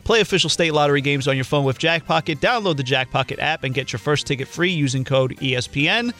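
Man rattling off a fast legal disclaimer. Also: a little high, a bit bright, faint music behind. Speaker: radio show producer and co-host. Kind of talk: scripted sponsor read with fast legal disclaimer.

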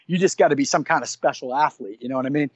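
In casual podcast chat, a man with a medium-pitched voice talks fast about college football recruiting, rambling, correcting himself and restarting often. He has the hiccups. The recording is dry with no room sound, and the highs are cut off.

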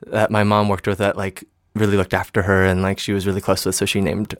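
A young man in his twenties, raised in Michigan, talks casually as an interview guest about his life. His voice sits fairly low, and he hedges and restarts often, filling gaps with ums. The sound is dry and close, with no room echo. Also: flat delivery, fast. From Michigan, United States. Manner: hesitant, many fillers and restarts. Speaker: interview guest, stage actor and singer.

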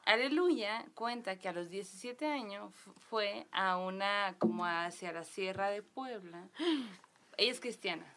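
Mexican woman, co-host, bright voice, lively and slangy as she retells a story. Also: mid-range voice, slight background noise. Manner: lively, slangy, quick asides. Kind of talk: casual storytelling.

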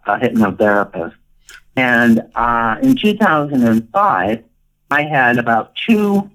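A woman's voice: very deep voice, poor audio. An older woman and retired performer, telling stories as an interview guest in a playful, theatrical way, laughing often and acting out what people said. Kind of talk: casual storytelling interview.

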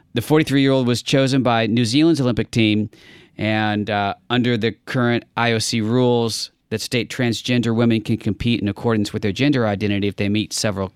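A man's voice: on the low side, clean tone, no echo, studio quality. A man co-hosting a podcast, chatting casually and earnestly about hopeful news. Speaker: podcast co-host. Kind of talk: casual chat.

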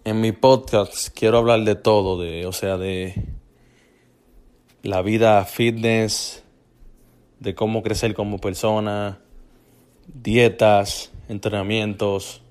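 This Dominican host of a laid-back fitness motivation podcast talks slowly with long pauses, his fairly low voice level, darkish and clean. He rambles, repeats himself, restarts phrases and drops in English fillers.

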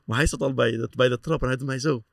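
A middle-aged man with a gravelly, creaky voice tells stories in a relaxed chat. He acts out scenes animatedly, his voice often climbing high. The sound is dry and close. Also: fast, no echo. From Netherlands. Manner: animated storyteller, voice rises high when acting out scenes, laughs often. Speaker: former footballer and assistent coach telling stories. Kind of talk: casual anecdote telling.

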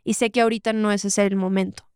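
Young mexican woman from monterrey, crisp dry close sound, chatty guest. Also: medium pitch, little pitch movement, fast talker, a little mellow, no room sound. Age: 20s. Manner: thoughtful, lots of fillers like "o sea" and "¿sabes?". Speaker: guest, singer. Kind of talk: casual interview chat.

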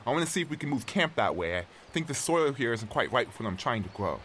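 A man's voice: medium pitch, very animated, fast, noisy background, natural voice. A man playing a wry stranded self-made king. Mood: commanding. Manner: wry, self-mocking, talks to his helpers. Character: stranded male castaway who calls himself king. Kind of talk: audio drama acting.

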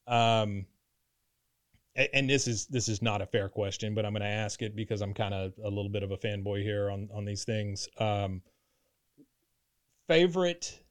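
A man in his fifties hosting a podcast, rambling and halting with many restarts. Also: lowish voice. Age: 50s. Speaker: podcast host. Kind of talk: casual podcast chat.

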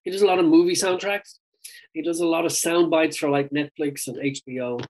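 A man's voice: fairly high pitch, steady tone, fairly quick, darkish tone, low-quality recording. Chatty rambling male singer guest. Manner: chatty, rambling, says "dude" a lot. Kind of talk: casual chat.

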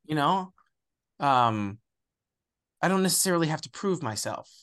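A young man from the United States, an actor giving a candid, reflective interview, often pausing and restarting as he searches for words. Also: on the high side, animated, a bit bright, clean tone.

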